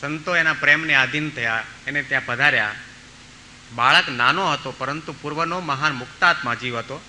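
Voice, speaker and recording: A man's voice: mid-range voice, moderate pace, pushed and bright, slight background noise, poor audio. A man preaching a storytelling sermon, acting out the voices of the people in his tales. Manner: acts out voices in his stories, pleading and commanding. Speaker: monk preacher.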